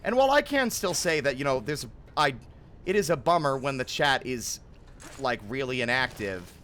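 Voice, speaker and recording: This man live streams a game and chats casually with his viewers, often interrupting himself. His mid-range voice is expressive and fairly bright, moving at a moderate pace, with slight background noise.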